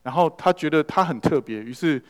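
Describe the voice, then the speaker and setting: With a clear, resonant voice on the high side, a pastor preaches fairly quickly in a church hall. He's a storyteller who slips English words into his speech, and the big hall gives a long reverb.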